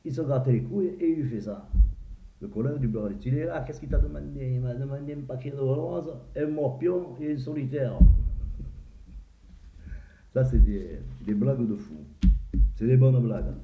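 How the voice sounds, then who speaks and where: A man's voice: medium pitch, a little slow, vocal fry, background noise. Man, casual joke teller, laughs at his own jokes, acts out characters, thin lo-fi sound, echoey. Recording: echoey, tinny phone-like sound.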